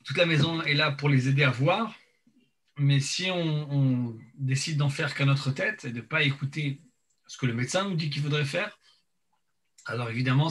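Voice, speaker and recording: A man teaching an informal religious lesson, speaking haltingly and searching for words, his mouth half numb from dental anaesthetic. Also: medium pitch, a bit bright. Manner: hesitant, repeats and searches for words.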